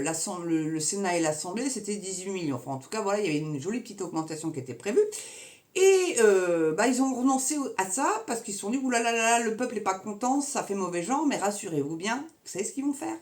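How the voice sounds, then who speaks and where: A woman from Normandy ranting sarcastically about the news to her viewers in a casual, slangy way. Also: mid-range voice. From Normandy, France. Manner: sarcastic, slangy, scornful, addresses viewers directly. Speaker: vlogger commenting on the news. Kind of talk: casual political rant to camera.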